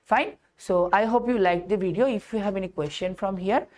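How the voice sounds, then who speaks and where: A woman's voice: medium pitch, a little fast, darkish tone. A woman with an Indian accent giving an instructional chemistry lesson, mixing Hindi phrases into English and repeating phrases and rhetorical questions for emphasis. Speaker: chemistry teacher.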